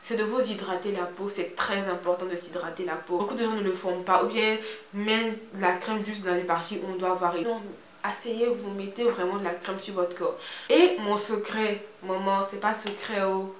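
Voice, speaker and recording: Young Ivorian-accented woman vlogger, frank and animated, addressing viewers directly; roomy echo on a camera mic. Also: mid-range voice, moderate pace. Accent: Ivorian French. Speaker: beauty vlogger. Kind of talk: casual chatty vlog. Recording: roomy echo with faint hiss.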